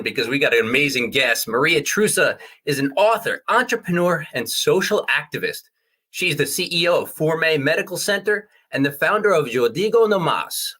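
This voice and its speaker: A male co-host with a bright, husky voice that swings widely in pitch. He introduces the guest in an upbeat manner. He builds excitement as he goes.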